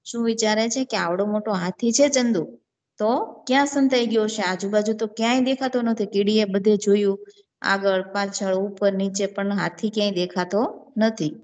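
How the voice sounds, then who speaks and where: A woman's voice: mid-range voice, steady tone, normal speed, a little mellow. A woman reading and explaining a children's story as a teacher, asking the listeners questions and then answering them herself.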